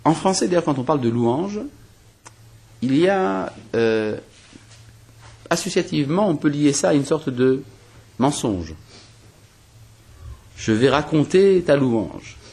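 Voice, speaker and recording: A man with a husky, slightly breathy voice gives a spoken religious lesson. His pitch rises and falls in a lively way as he reasons aloud, asking his listeners questions and restarting sentences mid-thought. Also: takes it slowly, long pauses. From Algeria. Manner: explains step by step, asking rhetorical questions; hesitant restarts and fillers while reasoning. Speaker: rabbi teaching a class.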